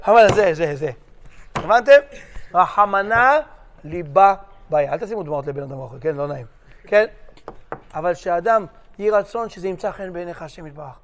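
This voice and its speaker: Here a high-voiced male rabbi tells stories in an animated lecture, voicing each character differently and keeping things humorous as he performs them like a sermon. There's a slight hiss or hum in the background.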